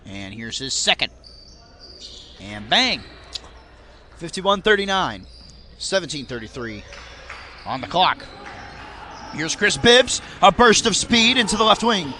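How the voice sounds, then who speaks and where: A young man calling basketball play by play in a rapid, auctioneer-like patter that rises on big plays. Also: sits high, very animated, bright, forceful tone, slight background noise. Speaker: play-by-play commentator.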